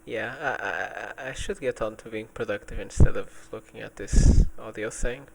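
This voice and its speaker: A man's voice: on the low side, normal speed, creaky, background noise. A man hosting a live stream in casual chat, hesitant and stammering, his voice coming through in one ear only from a faulty mic. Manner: hesitant, stammering with many ums and repeated words. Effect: voice heard in one ear only, left channel. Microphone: streaming desk mic, fault sends it to one side.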